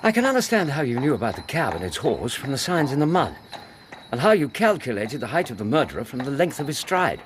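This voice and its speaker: A man plays a loyal, admiring and puzzled Victorian doctor in a radio drama. His English voice is mid-pitched and swings very widely, over clearly audible background noise. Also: very animated, fast, natural voice.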